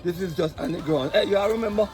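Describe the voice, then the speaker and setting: A man from Jamaica with a Jamaican accent, giving an excited walking-tour vlog outdoors among fruit trees. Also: high voice, fast, faint music behind. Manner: exclamatory, excited, keeps repeating "look at this". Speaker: vlogger.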